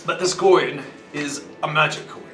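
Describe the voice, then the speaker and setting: A man's voice: a little high, fairly even intonation, a little slow, fairly bright tone, faint music behind. A man playing a tabletop game, improvising his in-character lines casually and somewhat hesitantly. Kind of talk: casual in-character role-play. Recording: echoey room, distant mic, clear background noise.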